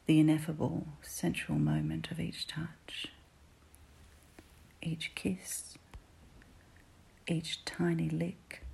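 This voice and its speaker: A woman's voice: sits low, gravelly, warm tone, husky. A woman whispering an intimate adult roleplay close to the listener's ear, ASMR style. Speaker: audio roleplay performer.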